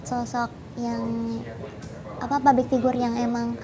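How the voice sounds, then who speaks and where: Cute, high girlish young Indonesian woman. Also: monotone, a little slow, a crowd in the background. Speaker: interview guest, dangdut singer. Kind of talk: casual interview chat.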